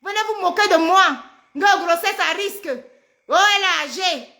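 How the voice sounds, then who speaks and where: A woman's voice: extremely high pitch, moderate pace. A middle-aged pregnant woman, ranting angrily on a live stream, trading insults and mocking her rivals. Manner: shouting insults, mocking, repetitive. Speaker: social media personality. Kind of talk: angry live-stream rant.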